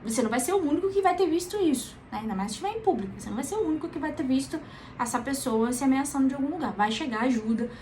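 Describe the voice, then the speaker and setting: A woman teaching psychology in a casual, conversational lesson, calm and reassuring, often checking in with the listener. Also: sits high, racing, slight background noise, low-quality recording. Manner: conversational, frequent tag questions, calm reassuring. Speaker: psychology educator.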